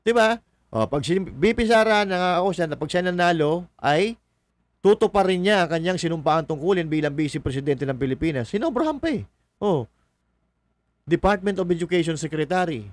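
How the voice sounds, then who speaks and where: High-voiced and expressive, this man talks a little fast while livestreaming casual political commentary. Combative and mocking, he reads out viewer comments, curses, and laughs at his own jokes.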